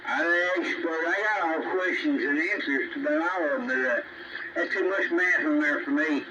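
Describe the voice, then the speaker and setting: A CB radio operator with a Tennessee Southern accent chats casually and talkatively over a two-way CB transmission. His voice is fairly high at a moderate pace. The signal is muffled, distant and very noisy.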